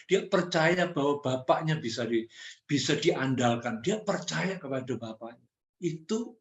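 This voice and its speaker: Male preacher, mid pitch, casual direct sermon delivery, roomy reverb. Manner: conversational preaching, direct challenges to the congregation. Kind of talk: sermon teaching.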